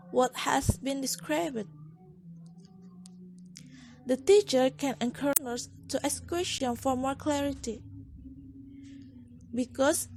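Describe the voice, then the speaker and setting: A young woman with an Indonesian accent, slowly and carefully reading a student class presentation, restarting words now and then. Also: high voice, darkish tone, a little hiss or hum. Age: young adult.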